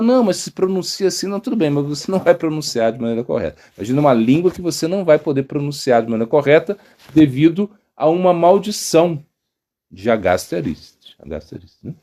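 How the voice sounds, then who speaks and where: A man with a Brazilian Portuguese accent, a monk giving an informal devotional talk, halting often with fillers and tag questions. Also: fairly high pitch, darkish tone. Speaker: monk teaching a devotional lecture.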